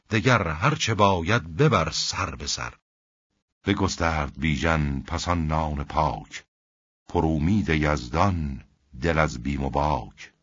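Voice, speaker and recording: A man reciting classical epic poetry in a measured, rhythmic chant. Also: low voice, fairly bright tone, slightly rough, dry recording. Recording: dull, lo-fi dry recording.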